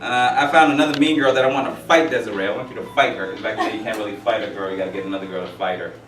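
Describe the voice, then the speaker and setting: A man in his forties races through a math class in a lowish, steady, slightly bright voice, rambling and joking with asides and stories between steps. Soft background music plays, and he's captured from far off in an echoey room.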